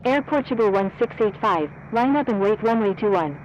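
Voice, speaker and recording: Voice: medium pitch, animated, a little fast, muffled recording. A speaker giving clipped, formulaic air traffic radio calls in scripted phraseology, like a pilot over the radio.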